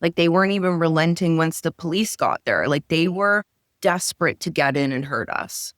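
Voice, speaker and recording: Interviewee woman, urgent and quick, smooth resonant voice, dry close sound. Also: deep voice, no echo. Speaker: interviewee, witness. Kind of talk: recounting events in an interview.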